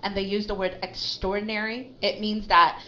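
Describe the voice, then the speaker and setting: A woman's voice: medium pitch, little pitch movement, moderate pace, pushed and bright, slight background noise. A woman teaching an online English lesson, patiently correcting a student's pronunciation. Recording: slightly dull lo-fi online audio.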